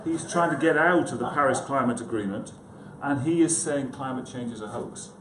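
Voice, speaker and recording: At medium pitch and normal speed, a psychiatrist presents an informal conference talk, hesitant and self-deprecating, with conversational asides to those listening. The indoor conference room is echoey and the background is clearly noisy.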